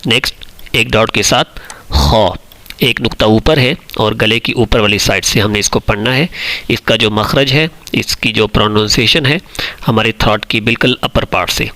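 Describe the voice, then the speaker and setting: A man teaching the Quranic alphabet online, reciting each letter slowly and patiently and explaining it in Urdu mixed with English words. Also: lowish voice, bright, forceful tone.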